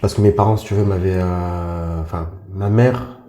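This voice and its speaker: This podcast guest, a man from Congo in his forties, has a low-pitched, dark voice with a steady tone and normal speed. He talks informally about his life in casual interview fashion, hesitating often with fillers and restarts. Slight background noise, a roomy echo, and faint music come through.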